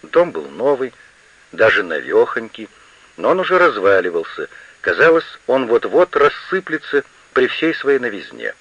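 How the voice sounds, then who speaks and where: Animated husky male narrator. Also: medium pitch, normal speed, no echo. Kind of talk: literary audiobook narration. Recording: muffled lo-fi radio recording.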